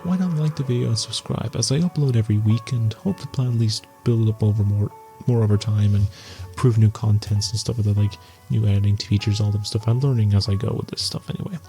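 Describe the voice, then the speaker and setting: A man with a lowish, dark voice and fairly even intonation speaks a little fast as host of an entertainment news video series. His film news commentary is casual, informal and rambling in a vlog style, set over background music.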